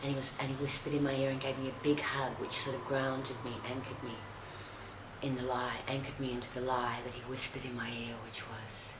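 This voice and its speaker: A woman commenting on a video, halting and full of restarts. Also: extremely low pitch, level tone, reverberant, noisy background. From Australia. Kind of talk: casual commentary.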